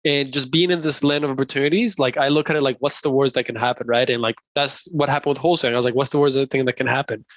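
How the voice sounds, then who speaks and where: An upbeat young man from Colombia chats as a podcast guest, laughing easily between thoughts. His voice sits at an ordinary pitch and sounds dry and close, with no room around it. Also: steady tone, quick pace, few pauses, fairly bright tone, no room sound. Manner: upbeat, chatty, laughs often. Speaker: guest, real estate investor. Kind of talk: casual interview chat.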